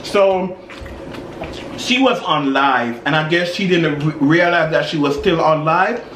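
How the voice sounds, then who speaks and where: A man's voice: on the high side, unhurried, fairly bright tone. A young man chatting casually in slangy, gossipy talk, chewing while talking over a meal. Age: young adult. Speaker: mukbang host. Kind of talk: casual celebrity gossip chat. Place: indoors at a table, dark backdrop. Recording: roomy sound, faint background noise.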